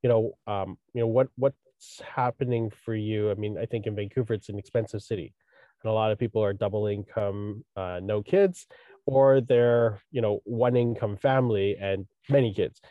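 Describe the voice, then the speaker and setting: A man's voice: lowish voice, steady tone, moderate pace, no echo, phone-quality sound. A man hosting a podcast interview, asking long, rambling questions full of "you know.". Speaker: podcast host. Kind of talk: casual interview conversation.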